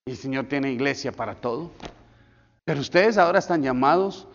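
A man in his forties, a pastor preaching a sermon in an animated way and acting out the voices he quotes. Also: mid-range voice, brisk, slight background noise. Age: 40s. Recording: echoey hall, dull lo-fi sound.

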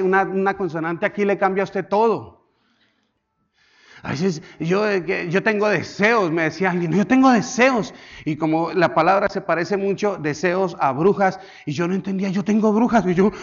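A man's voice: high-pitched, a bit bright, muffled recording. A male pastor with a Colombian accent preaching a sermon, repeating key words, urging the congregation to say them back, and acting out little scenes in shifting voices. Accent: Colombian Spanish. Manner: repetitive, exhortative, calls the congregation to repeat words.

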